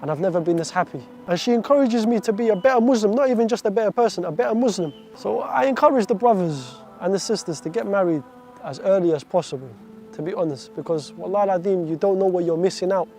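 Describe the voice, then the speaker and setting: A man in his twenties from Iraq talks fast in a high-sitting, slightly mellow voice, with faint music in the background. He gives an earnest, heartfelt faith testimony full of devout phrases.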